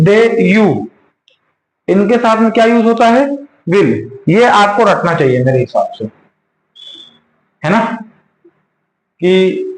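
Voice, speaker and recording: A male teacher giving a classroom grammar lesson, quizzing his students again and again. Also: high-pitched. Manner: quizzes students with repeated questions. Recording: roomy classroom echo.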